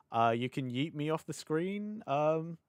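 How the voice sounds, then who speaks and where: A young British VTuber streams live, chatting with his audience in a scattered, rambling way and laughing easily. His fairly high voice is slightly hoarse from hours of talking. The sound is clean studio audio with no echo, captured by a desk mic on a boom arm.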